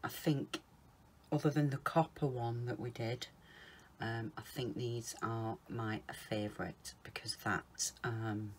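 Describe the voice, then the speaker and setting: Low, unhurried woman crafting. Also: fairly even intonation, slight background noise. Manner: chatty, often calls viewers guys, mutters softly to herself while working. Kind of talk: casual crafting tutorial.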